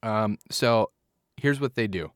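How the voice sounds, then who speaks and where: A man with a somewhat low voice chats casually as a podcast co-host, joking and rambling as he reads out facts. The recording is dry and close, with no room sound. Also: takes it slowly, no echo. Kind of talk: casual chat.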